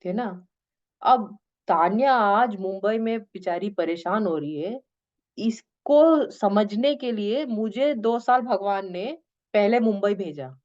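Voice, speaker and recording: A woman teaching a spiritual discourse to her students, gently coaxing them and slipping English phrases into her talk. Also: medium pitch, expressive, slow pace, highs cut off. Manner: gentle, coaxing, addresses listeners as "beta".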